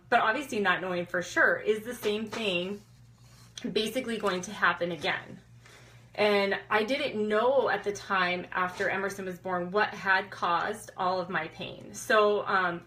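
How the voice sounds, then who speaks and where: Candid woman with a bright voice. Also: medium pitch, normal speed, slight background noise, poor audio. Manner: candid, conversational, frequent "um" fillers. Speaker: chiropractor. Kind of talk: personal story told to viewers.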